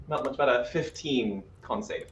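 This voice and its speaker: A man playing in a live tabletop game, joking around and laughing often. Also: medium pitch. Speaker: player. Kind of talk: casual tabletop play. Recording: roomy, dull mic with faint hiss and typing.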